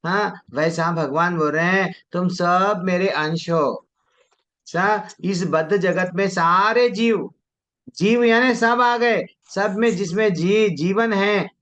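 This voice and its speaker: Man giving a lively devotional class. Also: high voice. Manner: conversational, acts out quoted people, chants verses slowly. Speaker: devotional teacher. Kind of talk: Hindi devotional class talk. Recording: dull lo-fi sound.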